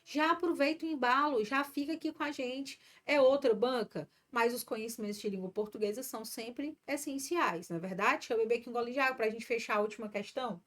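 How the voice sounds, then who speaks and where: A woman's voice: a little high, fast talker, hardly any pauses, a bit bright. A middle-aged woman from Ceará, teaching a live online grammar lesson and chatting encouragingly with her students. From Ceará, Brazil.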